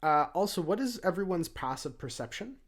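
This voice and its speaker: A man's voice: high-pitched, very animated, a little fast. A man running a tabletop game as dungeon master, narrating casually with lots of fillers.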